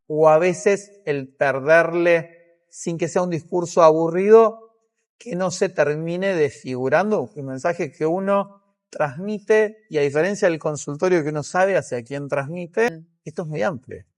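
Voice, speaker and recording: In a slightly high voice, a man with an Argentine accent answers interview questions as a psychiatrist. He explains carefully and at a measured pace, reasoning aloud as he speaks.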